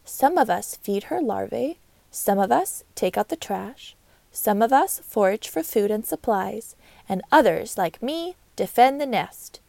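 Proud worker ant, voiced by a woman, loud and brisk, a bit gravelly. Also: medium pitch, expressive, dry recording. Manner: brisk and loud, matter-of-fact. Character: strong, proud female worker ant, busy and friendly.

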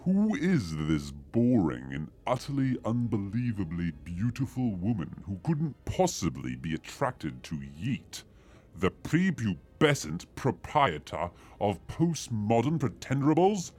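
A man's voice: fairly low pitch, very animated, a little slow, a little mellow, faint music behind. A man announcing the next episode in a mock-dramatic, sardonic tone. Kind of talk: scripted comedy narration.

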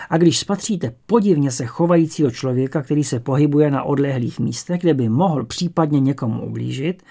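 A man's voice: mid-range voice, creaky, dark tone, breathy edge. A man voicing a nervous but formal police sergeant speaking in a ceremonious, earnest way in an audiobook.

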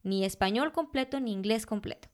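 A Mexican woman co-hosting a podcast in casual, animated chat, laughing often. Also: on the high side, brisk. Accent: Mexican Spanish. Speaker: podcast co-host.

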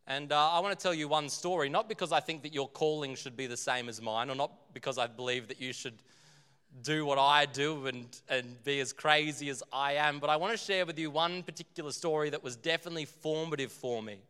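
A man's voice: on the high side, steady tone, fairly quick, bright, forceful tone, clean tone. Jokey male pastor preaching in a hall. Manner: jokey, self-deprecating storyteller. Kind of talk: humorous sermon. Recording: long hall reverb, faint music.

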